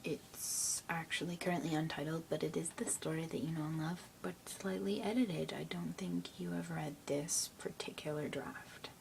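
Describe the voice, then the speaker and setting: A teenage girl chatting casually to a friend on camera, giggly and often dropping to a soft near-whisper. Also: low voice, normal speed, creaky, hardly any pauses, a little hiss or hum. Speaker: video blogger.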